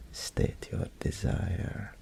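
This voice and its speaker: In an audio roleplay drama, a male voice actor plays a seductive, smug greater incubus. His mellow delivery mixes breathy whispers with a slow, purring, condescending manner.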